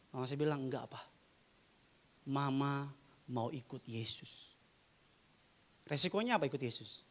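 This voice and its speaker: A middle-aged male pastor preaching a sermon in a church, swinging from shouted high exclamations to quiet storytelling.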